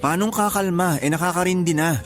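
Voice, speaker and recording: In a radio drama, a male actor plays a stubborn, principled 31-year-old bachelor, a homebody son with a Filipino accent. Annoyed, he gives defensive, terse, irritated replies in a high voice, talking a little fast. The acting is light, with faint music behind him.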